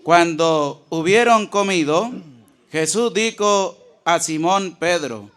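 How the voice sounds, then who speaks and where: Slow, smooth-voiced man reading scripture. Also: a little high, animated, fairly bright tone. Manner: measured, deliberate reading. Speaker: scripture reader. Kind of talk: slow Bible reading aloud.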